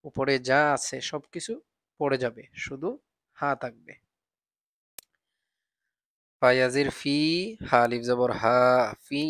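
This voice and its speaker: Dry-voiced male Quran teacher spelling slowly. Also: mid-range voice, fairly bright tone, no room sound. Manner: spells letters and vowel marks step by step, then chants the verse slowly. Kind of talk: spelling out and reciting Quranic words for learners.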